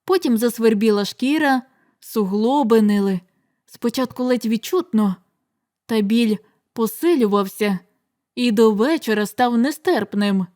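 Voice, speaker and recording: A woman reads a horror audiobook aloud in a slightly high voice. Her delivery is measured and dramatic. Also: a little mellow. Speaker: audiobook reader. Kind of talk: audiobook narration.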